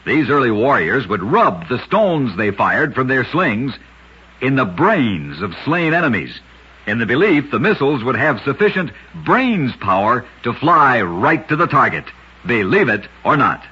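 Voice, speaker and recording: Speaking a little slowly, an American man with a mid-range voice and big pitch swings narrates short true oddities as a radio host, his tone bright, forceful, and slightly rough. He reads the scripted vintage radio narration with dramatic storytelling, and the audio has a dull, lo-fi vintage radio feel.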